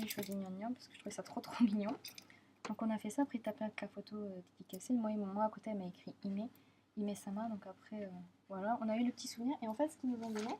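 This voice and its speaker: A woman's voice: on the high side, mellow, a little hiss or hum. A young woman from France chatting casually in a travel vlog, gushing and repeating herself, often trailing off mid-sentence. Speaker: vlogger.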